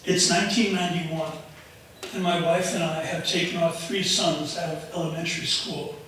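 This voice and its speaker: A man in his seventies from New York, telling a personal story live in measured short phrases with pauses. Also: on the high side, little pitch movement, fairly bright tone. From United States, raised in the Bronx. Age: 70s. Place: auditorium stage. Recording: very echoey auditorium, noisy, distant.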